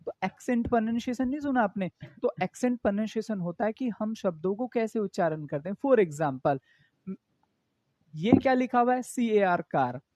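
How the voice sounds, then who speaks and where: A man's voice: sits high, a little mellow, no room sound, muffled recording. Male teacher quizzing students. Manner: explains in Hindi with English terms, asks students repeated questions. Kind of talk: exam-prep English grammar class.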